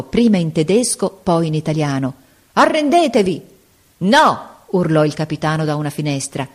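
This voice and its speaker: A woman narrating a literary story in a measured, dramatic storytelling manner. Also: lowish voice, a little mellow.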